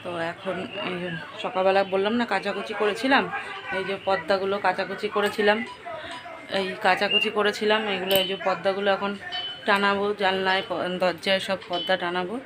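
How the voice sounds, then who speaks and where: A woman's voice: medium pitch, flat delivery, a little fast, noisy background. A middle-aged woman vlogging to viewers as she moves through housework and cooking at home, chatting casually and repeating herself. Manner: running commentary on chores, repetitive. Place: home kitchen.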